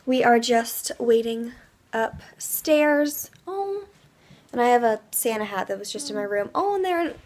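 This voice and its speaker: A woman's voice: on the high side, lively intonation, a little slow, darkish tone. A young woman vlogging at home, chatty and upbeat, rambling with fillers. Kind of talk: casual vlog chat. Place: at home, indoors.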